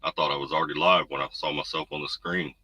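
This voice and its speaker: A deep-voiced man hosting a trucker livestream from home moves through viewer comments in a relaxed, rambling way. He's a fast talker with a steady tone that sounds pushed, bright and slightly rough, recorded on a desk USB condenser mic amid background noise.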